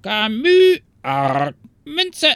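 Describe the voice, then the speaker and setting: A man's voice: high-pitched, wildly swooping pitch, extremely slow, creaky, a bit bright, smooth, dry recording, voice pushed up, heavily acted. A man voicing a scrawny female parrot named Nora who squawks short clipped words with "arr", in an audio story. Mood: squawking, eager.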